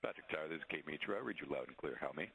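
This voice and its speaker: A man's voice: very deep voice, animated, very fast, creaky, bright, forceful tone. A man giving clipped operator callouts over a crackly walkie-talkie style radio. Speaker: launch team radio operator. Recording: crackly, noisy two-way radio transmission.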